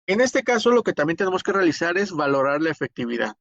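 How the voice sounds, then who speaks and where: A man's voice: fairly high pitch, very animated, fast, vocal fry, fairly bright tone, no room sound. A man with a Mexican Spanish accent giving a spoken lecture, explaining step by step, with frequent hesitations and restarts. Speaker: instructor. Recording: dull, dry lo-fi recording.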